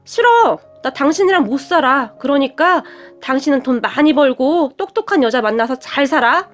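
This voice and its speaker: Picture a fierce young wife with a high, lively voice, talking down to people with blunt scorn, as a woman puts her on. It sounds like a spoken storybook, with soft music faintly underneath. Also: normal speed. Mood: blunt offhand. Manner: scornful, taunting.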